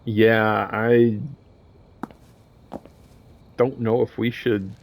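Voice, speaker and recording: A man's voice: lowish voice, level tone, extremely slow, creaky. A young man casually playing a horror game, reading its text aloud and joking with slang between lines. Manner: casual, joking, says "dude" and "bro". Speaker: gameplay streamer.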